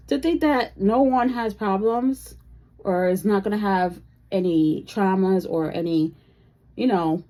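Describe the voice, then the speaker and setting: Woman, beauty vlogger, casual makeup chat, low-pitched, mellow tone, laid-back. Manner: relaxed, chatty, many "you know" fillers.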